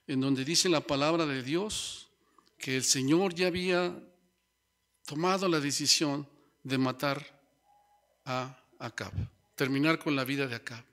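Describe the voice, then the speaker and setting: Bright-voiced male preacher. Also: fairly high pitch. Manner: speaks to the listeners as brothers, tags lines with rhetorical questions. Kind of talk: sermon.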